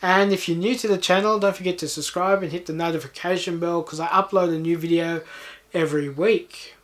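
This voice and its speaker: A man's voice: high voice, fairly even intonation, a little fast, fairly bright tone. A man hosting a game collecting video, chatting casually in an understated, unscripted way. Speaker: host of game collecting channel. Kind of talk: casual chat to viewers.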